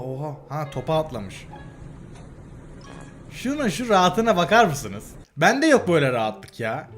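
A man's voice: a little high, fairly bright tone. A young man casually reacting to animal videos for his channel, giggling often and gushing over how cute they are.

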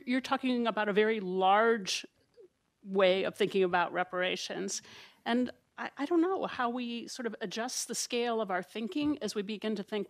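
A woman in her sixties moderating an academic panel, posing questions in a thoughtful, measured way into a table mic. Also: medium pitch. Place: seminar room with a panel table and audience. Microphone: table mic on a stand.

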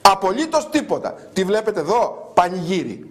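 A male TV host making a prank call and launching into loud, indignant, mocking rants. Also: sits high, big pitch swings. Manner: mocking, theatrical. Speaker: TV show host. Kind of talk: on-air prank call and ranting commentary.

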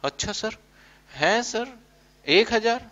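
A man's voice: a little high, unhurried, sharp tone. A man voicing a cheeky young student who questions his teacher. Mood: puzzled. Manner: cheeky, impatient. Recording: dull lo-fi recording.

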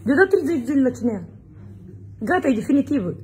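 A woman's voice: high voice, lively intonation, darkish tone. A middle-aged woman, talking emphatically in a casual street conversation. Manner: emphatic, keeps agreeing with repeated yes and correct.

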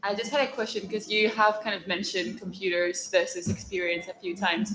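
A woman's voice: mid-range voice, steady tone, a little fast, a bit bright, faint music behind. A young woman from the audience asking a question, tentative and hedging with likes and ums. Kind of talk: question from the floor. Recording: echoey room, faint noise.

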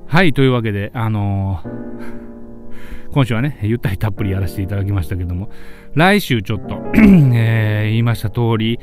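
A man's voice: on the low side, animated, moderate pace, over music. A man with a Kansai accent hosting his own comedy radio show, talking in a laid-back, chuckling way and reading listener submissions. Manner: laid-back, chuckling, polite sign-offs. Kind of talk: solo comedy radio talk.

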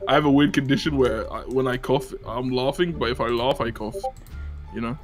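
A man's voice: mid-range voice, fairly quick, soft background music. A man hosting a gaming video, teasing his teammate with mock-serious jokes and breaking into laughter. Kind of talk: playful gaming chat with pranks.

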